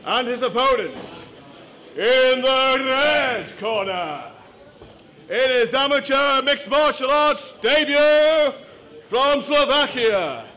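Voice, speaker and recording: A young man announcing fights like a boxing ring announcer, booming and drawing out names on a handheld microphone. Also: expressive, slow, bright, forceful tone. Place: indoor cage fight venue. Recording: PA announcement over crowd noise.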